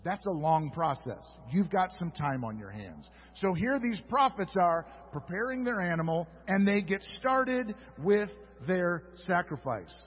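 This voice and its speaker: A male pastor with a high, slightly husky voice delivers a sermon and breaks it up with playful asides to the congregation. The sound is dull and lo-fi, with a long reverb tail from a large hall. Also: expressive, unhurried, hardly any pauses. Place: church sanctuary.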